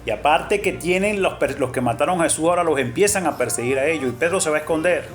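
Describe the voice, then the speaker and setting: Casual man preaching a story sermon, earnest, repeats himself for effect, bit high-pitched, quiet music under it. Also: expressive, fast talker. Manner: earnest, emphatic, repeats phrases. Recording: faint background music.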